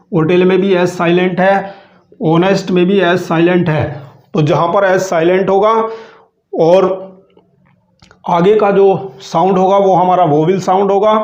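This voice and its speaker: A male teacher giving a grammar lesson, who explains patiently, repeats himself slowly and keeps addressing viewers as friends. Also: sits high, darkish tone. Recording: echoey room, dull lo-fi sound.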